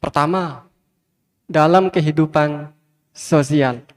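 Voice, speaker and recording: Buddhist monk preaching in an echoing hall. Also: male voice, fairly high pitch, slow pace. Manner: repetitive emphatic preaching, addresses listeners directly. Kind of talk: sermon. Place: large hall with many fans. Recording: long hall reverb.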